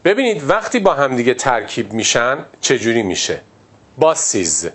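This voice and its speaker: Male teacher with lively pitch. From Iran. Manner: explains step by step, repeats example words slowly. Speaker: English teacher. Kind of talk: classroom lesson on pronunciation.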